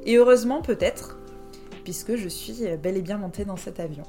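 A woman's voice: mid-range voice, moderate pace, music in the background. A woman from France, host of a podcast, telling a personal travel story in a reflective, hesitant way with frequent fillers.

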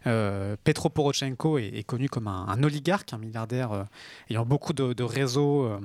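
Male co-host, explains news, hesitant with lots of fillers, mid-pitched, dry studio sound. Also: normal speed, darkish tone, no room sound. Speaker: podcast co-host. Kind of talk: casual news podcast chat.

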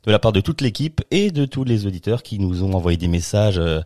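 A man's voice: lowish voice, animated, brisk, darkish tone, no echo, studio quality. A man hosting a film podcast, introducing the episode in a casual, joking way with frequent hesitations. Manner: jokey, hesitant with frequent fillers. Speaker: podcast host.

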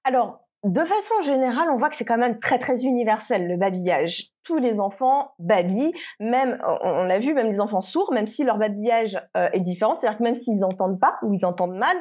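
A woman's voice: fairly high pitch, fairly quick, few pauses, a little mellow. A woman, a linguist researcher answering interview questions carefully, with frequent hesitations and restarts.

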